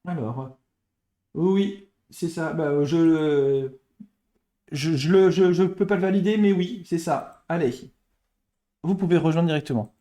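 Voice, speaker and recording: A young man with a fairly high voice hosts a live game stream. He chats casually with his viewers, greets and thanks them, and thinks aloud as he hunts for quiz answers. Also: slow, pauses often, dark tone. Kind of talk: casual live-stream chat while playing quiz games.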